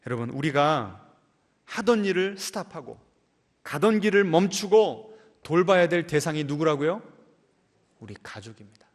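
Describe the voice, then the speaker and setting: A male pastor preaching a sermon, questioning his congregation and swinging between emphatic raised lines and soft low endings. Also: expressive, moderate pace, long pauses. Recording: church hall with long reverb.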